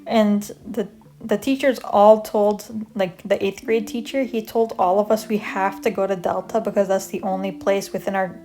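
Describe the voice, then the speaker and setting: A soft-spoken young woman from Canada, casually telling stories about her school years in a rambling, self-deprecating way while she draws, with light music playing behind her. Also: medium pitch, flat delivery, moderate pace. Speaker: vlogger. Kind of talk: casual storytelling over drawing.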